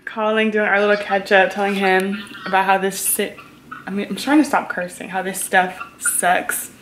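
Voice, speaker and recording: A woman's voice: mid-range voice, steady tone, moderate pace, a bit bright, slight background noise. Chatty young woman vlogging to her camera. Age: young adult. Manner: chatty, talks straight to viewers, trails off with fillers. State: out of breath. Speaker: law student vlogger. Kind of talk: casual vlog chat. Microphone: on-camera mic.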